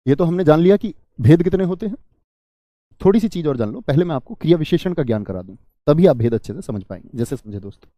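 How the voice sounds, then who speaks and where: A man teaches Hindi grammar to an online exam-prep class in a slightly high, mellow voice. The sound is dry and close, with no room echo. He explains slowly, repeats the key terms, and asks questions that he answers himself. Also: lively intonation.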